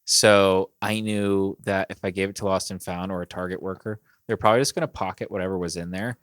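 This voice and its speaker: Deep, smooth-voiced young man chatting. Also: fairly quick, no echo, studio quality. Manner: animated storyteller, many fillers. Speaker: podcast co-host. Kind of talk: casual chat.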